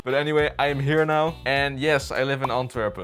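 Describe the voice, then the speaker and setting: A man's voice: mid-range voice, steady tone, brisk. A young man in his twenties, originally from Bolivia, talks loosely and off the cuff from his bedroom. His speech is slangy, full of "like" fillers and casual swearing, and faint music hums underneath. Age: 20s. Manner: laid-back slangy chat with frequent "like" fillers and swearing. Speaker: filmmaker answering viewer questions. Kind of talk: casual unscripted Q&A.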